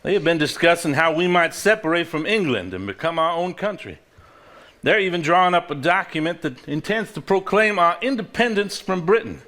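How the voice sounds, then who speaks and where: On stage, an actor with a high-sitting, sharp voice plays an earnest, level-headed married man, performing a full character voice that's animated and a little fast. In this live play he reads aloud from a journal, speaking seriously in a solemn tone.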